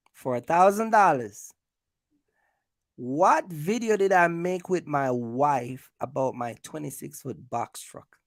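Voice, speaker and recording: Running a laid-back live quiz on his channel, a man chats, asks game-show questions, teases the players and repeats things for emphasis. He has a fairly high pitch and a fairly bright tone, with no room sound.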